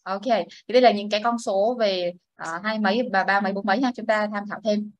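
Speaking fast in a steady, medium-pitched voice, a female English teacher runs a pronunciation lesson in class. She patiently explains and models words for her students to say back, recorded with no echo.

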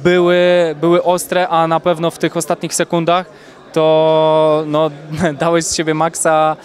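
A man's voice: on the high side, monotone, a little slow. A young man, a reporter, asking long rambling questions with fillers in a post-fight interview, outdoors on a handheld mic. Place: outdoors at an event press wall.

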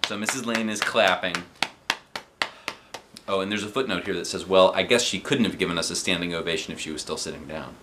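Reading a kids' story on his sofa at home, this man in his thirties slips in playful asides and animated character voices. His voice sits low and his pace is brisk, with some background noise.

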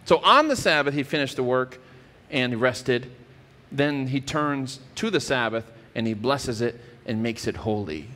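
A man's voice: mid-range voice, expressive, measured pace, hardly any pauses, pushed and bright. Earnest male pastor in a reverberant church. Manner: earnest, explanatory preaching with frequent restarts. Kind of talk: sermon. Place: church stage with wood-paneled wall.

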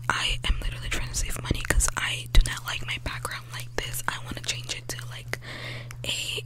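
A teenage young woman whispering a casual, rambling ASMR talk in a breathy, unvoiced whisper, very close to a desktop microphone. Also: low-quality recording. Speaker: ASMR creator. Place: small bedroom, indoors. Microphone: desktop condenser mic, very close.

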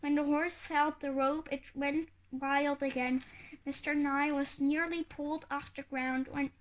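A woman reading a children's book aloud, halting now and then with slips and restarts. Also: high voice, little pitch movement. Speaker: reader.

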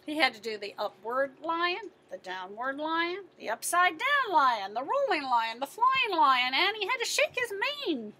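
In a high, bright voice, a middle-aged American teacher-librarian reads a picture book to young children at a measured pace with hardly any pauses. She is expressive and emphatic, stressing words and asking questions, then answering them herself, the way a teacher would. Clear ambient noise sits in the background.

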